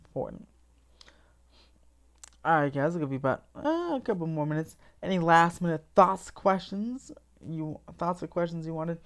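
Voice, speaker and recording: Woman, low voice, casual livestream host, chatty, enthusiastic, a bit sleepy, restarts and little laughs. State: sleepy, yawning. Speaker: theme park livestream host.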